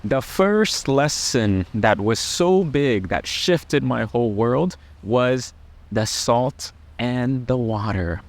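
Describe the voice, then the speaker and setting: A middle-aged man who is a Buddhist monk, talking gently and earnestly to camera about life lessons, with frequent pauses. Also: medium pitch. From Laos. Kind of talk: personal reflective talk to camera.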